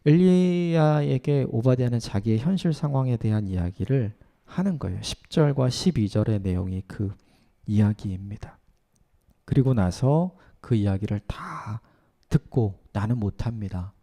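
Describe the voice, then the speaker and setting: A man's voice: mid-range voice, lively intonation, unhurried. A man preaching a dawn sermon as a pastor, reflective and now and then acting out the lines of the people in the passage. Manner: reflective, acts out quoted lines in softer voice. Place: church at dawn service.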